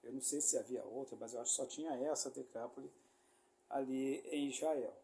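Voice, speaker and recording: Male preacher, Rio accent, gravelly and mellow, conversational rambling teaching style. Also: mid-range voice, brisk. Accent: Brazilian Portuguese, Rio de Janeiro. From Rio de Janeiro, Brazil. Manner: explanatory, rambling, many fillers and tag questions. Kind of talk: informal sermon teaching.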